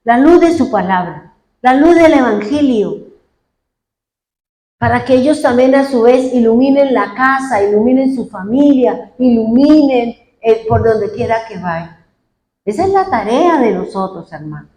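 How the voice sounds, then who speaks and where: A woman's voice: a little high, animated, unhurried, dark tone, slight background noise. A woman pastor preaching a fervent sermon, retelling what congregants said and praying aloud as she goes. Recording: echoey room.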